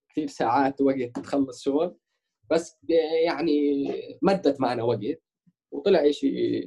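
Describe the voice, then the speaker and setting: A man's voice: mid-range voice, dark tone, slightly rough. A young man with a Jordanian-Palestinian Levantine Arabic accent, chatting casually as an interviewed musician and mixing in English words. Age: young adult.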